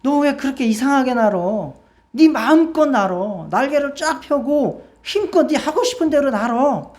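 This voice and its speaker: A woman's voice: high voice, expressive, moderate pace, a little mellow, pitched above the performer's own voice. A woman voicing friendly coaxing swans.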